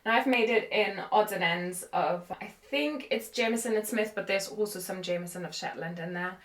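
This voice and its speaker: A woman's voice: medium pitch, moderate pace. A woman hosting her own show in casual, chatty talk, filming herself on a phone camera inside an old cottage. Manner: chatty, animated, self-deprecating. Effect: recorded on a phone camera. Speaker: podcast host. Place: room in an old country cottage, indoors. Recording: echoey room on a phone.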